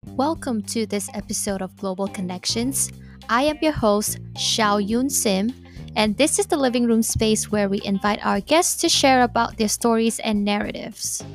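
A woman hosting an interview podcast, reading a scripted intro in a measured, polite way. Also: on the high side, faint music behind. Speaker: podcast host.

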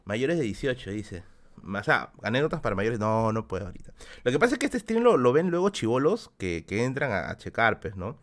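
A man's voice: medium pitch, big pitch swings, fairly quick, a bit bright. A young man with a Peruvian Spanish accent, chatting casually on a late-night livestream, reading out donations and viewer comments in a self-deprecating way. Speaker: streamer.

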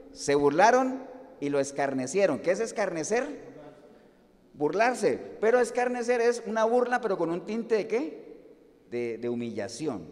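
A man's voice: high voice, a little mellow, big-room sound. A man preaching a sermon, asking the congregation questions and answering them himself. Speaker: pastor.

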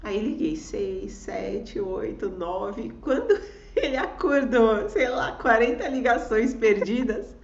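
Animated woman telling a story in an echoey room. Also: fairly high pitch, takes it slowly, highs cut off. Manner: animated, acts out quoted voices, laughs often. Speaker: guest telling a personal story. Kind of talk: casual storytelling conversation.

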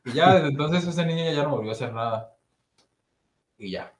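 A man's voice: fairly high pitch, normal speed. A young man with a Mexican accent, chatting casually and telling an anecdote, acting out the voices of the people in it. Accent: Mexican Spanish. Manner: storytelling, acts out voices in his anecdote. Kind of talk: casual chat. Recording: roomy echo, faint noise.

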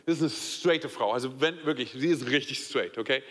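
A young man from Germany preaching a sermon in a lively, conversational way, full of fillers and direct questions to the listeners. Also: medium pitch, a little fast. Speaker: pastor. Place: church hall. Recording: long hall reverb.

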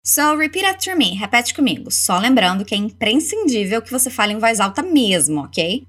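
A Brazilian woman teaching English, modelling phrases slowly for learners to repeat. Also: a little high, very animated, fairly bright tone. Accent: Brazilian Portuguese. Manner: slow, deliberate model pronunciation. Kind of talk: language lesson with repeat-after-me drills.

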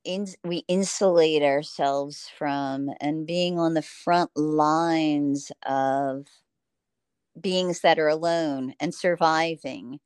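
Low-voiced reflective woman from Philadelphia. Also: slow, clean tone, no room sound, clean studio sound. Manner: animated storyteller, acts out her own shouting. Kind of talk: reflective conversation.

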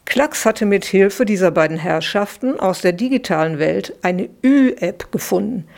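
A woman, the author, reading her children's bedtime story aloud, giving the children lively little voices. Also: medium pitch, normal speed, gravelly.

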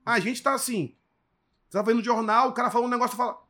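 Brazilian comic in his 40s, high voice, lively storyteller who mimics others. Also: racing. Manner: animated, acts out quoted voices with big pitch jumps. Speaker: stand-up comedian. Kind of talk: casual chat.

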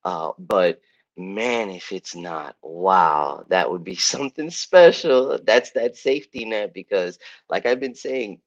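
A man with a lowish voice co-hosts a sports podcast. He delivers his opinions emphatically. The sound is dull and lo-fi. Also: animated, takes it slowly. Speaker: podcast co-host. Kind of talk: casual sports chat.

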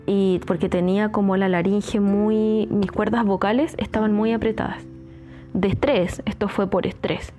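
A woman's voice: medium pitch, fairly even intonation, moderate pace, warm tone, soft background music. A woman with a Chilean accent, a psychologist hosting a podcast, talking casually and earnestly, repeating her advice to urge listeners. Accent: Chilean Spanish.

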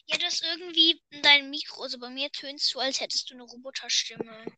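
A woman's voice: high-pitched, a little fast, bright, forceful tone. A woman guest on a casual podcast, chatting offhandedly while eating snacks and nitpicking the jokes. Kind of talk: casual chat.

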